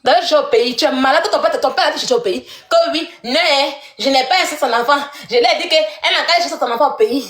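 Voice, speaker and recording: A woman's voice: high-pitched, fast talker, few pauses, a bit bright. A woman in a heated live-stream rant, accusatory and scornful, breaking into mocking laughs. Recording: roomy echo.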